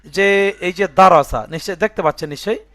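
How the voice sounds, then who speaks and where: High fast-talking male teacher. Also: fairly bright tone, dry recording, clean studio sound. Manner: breaks words into letters and vowel marks, checks "বুঝে আসছে?". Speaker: Quran reading teacher. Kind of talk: spelling-out recitation lesson.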